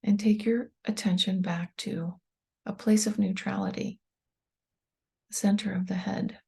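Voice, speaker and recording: A woman who works as a meditation guide and tapping coach leads a session in a medium-pitched, breathy and mellow voice. She gives brief instructions separated by relaxed pauses, her delivery calm, soft and nearly flat in its gentle contour.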